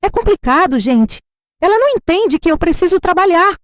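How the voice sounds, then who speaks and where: A woman's voice: animated, a little fast, no room sound. A woman with a Brazilian accent voicing a young, fake-sweet granddaughter who talks in a breezy, dismissive way. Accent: Brazilian Portuguese. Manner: high-pitched, breezy and dismissive.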